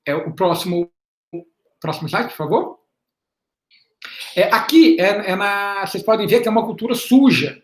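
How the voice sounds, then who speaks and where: Here a man presents slides as an invited panelist during an online talk, his voice sitting high and animated. His delivery is halting, measured, and explanatory, with repeated words and frequent questioning "right?" check-ins. Roomy echo colors the call audio.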